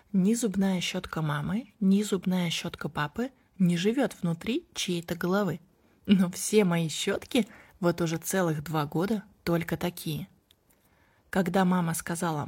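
Breathy woman reading a children's story. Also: lowish voice, darkish tone. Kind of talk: storybook narration in first person as a small boy.

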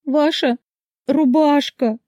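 A woman's voice: mid-range voice, slow pace, mellow, no echo, studio quality, voice pushed up. A woman voicing a tearful, flustered young woman who sounds shaken and breathless in an audiobook.

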